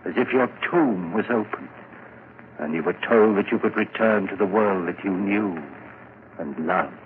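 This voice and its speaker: Fervent, haunted low-voiced musician. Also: male voice. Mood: haunted, intense. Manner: intense, rhapsodic, dramatic pauses. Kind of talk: 1940s radio drama acting. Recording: muffled, noisy vintage radio recording.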